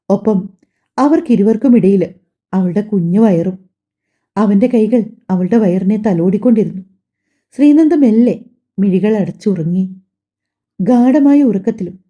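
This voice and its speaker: A woman reading a family drama audiobook aloud, telling the story softly and voicing every character herself. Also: mid-range voice, lo-fi sound. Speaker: audiobook narrator.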